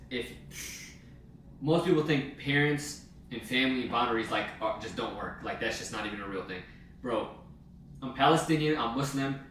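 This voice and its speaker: A man's voice: medium pitch, fairly bright tone. A young man giving a blunt, slangy, casual self-help talk, swearing freely. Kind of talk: casual motivational monologue. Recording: very echoey room, mic at a distance, music behind.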